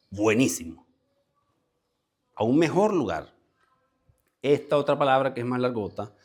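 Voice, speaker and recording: A man leading a Bible study before a congregation, explaining word meanings step by step and repeating key words for emphasis. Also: mid-range voice. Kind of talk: conversational Bible teaching. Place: church meeting with a congregation present.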